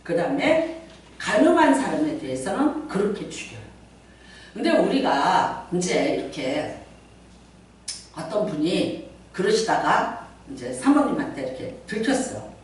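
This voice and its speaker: A woman's voice: on the low side, very animated, measured pace, pauses often. A middle-aged woman pastor preaching a Sunday sermon in a conversational, storytelling way, with playful asides and acted-out quotes. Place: church sanctuary. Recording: very echoey hall, mic far off.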